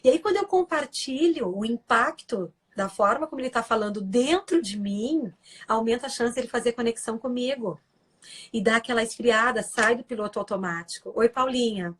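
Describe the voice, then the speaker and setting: A woman's voice: a little high, lively intonation, moderate pace, husky. A woman giving an earnest, explanatory talk as a guest on a live stream, acting out quoted lines and often checking in with tag questions.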